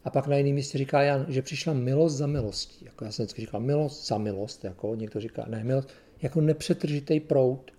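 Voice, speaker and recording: Man giving a confessional, conversational sermon. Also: mid-range voice. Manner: conversational, confessional, swings between quiet asides and emphatic outbursts. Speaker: preacher. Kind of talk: informal sermon.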